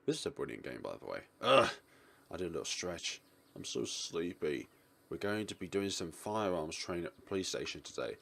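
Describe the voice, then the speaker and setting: Reading a visual novel aloud, a man with a deep, sing-song voice speaks fairly quickly, with vocal fry, a fairly bright tone, and a breathy edge. He keeps things playful, acting out the narrator's lines, exclaiming, laughing, and joking on the side as he plays.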